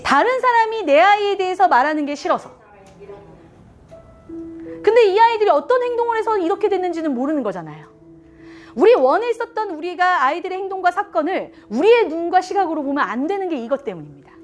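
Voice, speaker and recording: A woman's voice: extremely high pitch, sing-song, brisk, soft background music. A woman giving a live lecture to parents on communication styles, playful, often laughing and acting out what people say. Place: lecture room with a live audience.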